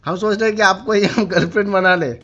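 Talking fast in a high, steady voice, a male gamer streamer playfully teases and flirts with a stranger he's pranking in shooter-game voice chat. The audio is muffled and full of game-chat noise.

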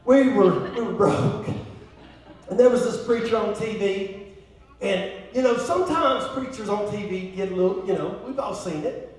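A man with a Southern American accent preaching a sermon as pastor, swinging from hushed asides to shouting calls to the congregation. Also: high voice, normal speed. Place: church sanctuary. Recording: echoey church hall from far off.

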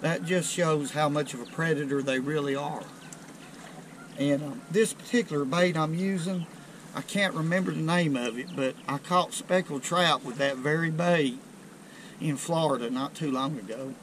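A middle-aged man, chatting to viewers in a folksy, excited way while fishing from a riverbank, recorded on a chest-mounted camera outdoors. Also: fairly high pitch, normal speed, slight background noise. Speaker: fishing video host. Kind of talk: casual outdoor commentary. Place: outdoors on a rocky riverbank below a dam. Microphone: chest-mounted action camera.

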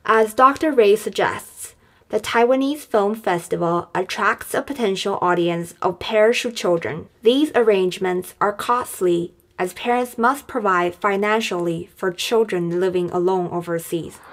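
A woman reading scripted documentary narration in a measured, even way. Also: medium pitch, low-quality recording. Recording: voice-over with loud music behind.

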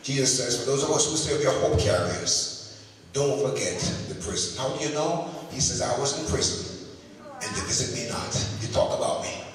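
A middle-aged man preaching a sermon on a handheld mic, calling for answers from the congregation and swinging between loud peaks and low asides. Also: animated, moderate pace. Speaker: pastor. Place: large church sanctuary with a choir behind him. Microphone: handheld microphone. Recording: very echoey, long hall reverb, distant camera mic.

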